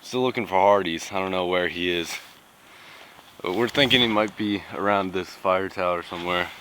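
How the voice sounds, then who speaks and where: A man's voice: sits low, moderate pace, bright, forceful tone, rough recording. Jokey young man filming outdoors. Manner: mock-dramatic, jokey, put-on British accent at times. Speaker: vlogger. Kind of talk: jokey outdoor survival vlog. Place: outdoors in the backcountry. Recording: outdoor camera audio with background noise.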